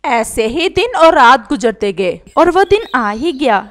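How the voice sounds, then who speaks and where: A woman's voice: sits high, big pitch swings, unhurried, a bit bright. A woman narrating a children's cartoon story.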